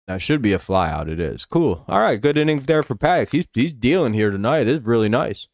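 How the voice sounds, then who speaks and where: A man's voice: mid-range voice, big pitch swings, a little fast, a little mellow, no echo, clean studio sound. An American man with a slight lisp and whistling s from false teeth, giving casual, rambling, sweary play-by-play on a live sports stream. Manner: rambling, profane, laid-back fan talk. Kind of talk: casual play-by-play commentary and chat.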